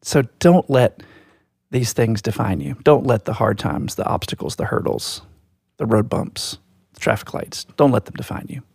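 A man co-hosting a podcast, talking in a reflective, storytelling way, slow and deliberate. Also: medium pitch, creaky, darkish tone, slightly rough, no echo, clean studio sound. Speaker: podcast co-host. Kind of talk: casual podcast chat.

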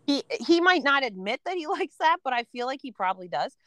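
A woman's voice: high voice, very animated, fast talker, bright, forceful tone, no room sound, poor audio. A woman in her thirties, a homeschooling mom co-hosting a podcast, talking frankly and casually with lots of "um" and "you know". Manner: chatty, frank, many fillers like "um" and "you know".

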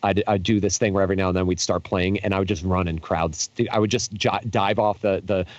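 A man's voice: low-pitched, fairly even intonation, fast talker, no room sound, muffled recording. A young man in casual chat, telling tour stories in a rambling, profane way with lots of fillers and restarts. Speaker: podcast guest, touring musician.

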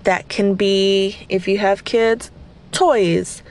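A woman hosting a podcast, talking through a casual guided cleaning session early in the morning at home, her voice slightly raspy from just waking up, chatty and rambling with self-deprecating asides. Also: mid-range voice, steady tone, very slow, darkish tone. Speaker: podcast host.

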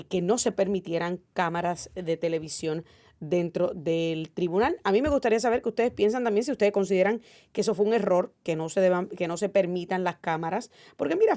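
A woman's voice: lowish voice, warm tone. A woman hosting a call-in political talk radio show, speaking in an opinionated, emphatic way with frequent "eh" fillers.

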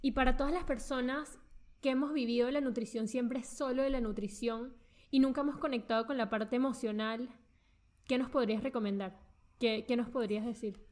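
A woman interviewer asks her guest a friendly question on behalf of the audience. Her voice sits a little higher than most women's. She speaks in an easy, conversational way. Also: steady tone, moderate pace, a little mellow.

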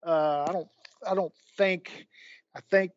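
A middle-aged man with a slightly high voice talks haltingly over a muffled, dry line, repeating words and filling pauses as he thinks. He has the hiccups and speaks frankly as an interview guest. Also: fairly even intonation, no echo. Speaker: guest, former sports executive. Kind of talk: candid phone interview.

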